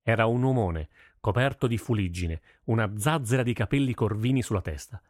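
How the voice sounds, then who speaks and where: A man narrating a story with steady, measured delivery. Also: lowish voice, no room sound, studio quality. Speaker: audiobook narrator. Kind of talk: scripted narration.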